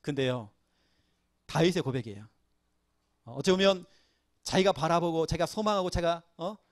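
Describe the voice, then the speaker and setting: A man's voice: fairly high pitch, moderate pace, dry recording, clean studio sound. A middle-aged male pastor giving an emotional sermon, pleading and crying out in prayer. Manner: emotional, pleading, rising to loud cries.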